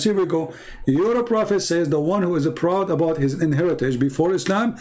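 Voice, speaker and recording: A man's voice: sits high, darkish tone. A man hosting a live-stream debate, reading viewer comments aloud and answering in combative, mocking, non-native English. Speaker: online religious debate host.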